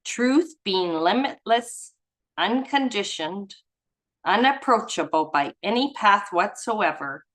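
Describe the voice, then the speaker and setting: A woman leading a study group reads aloud, then drifts into informal, musing, effusive personal commentary. Her voice is medium-pitched with a fairly bright tone, and her manner is casual.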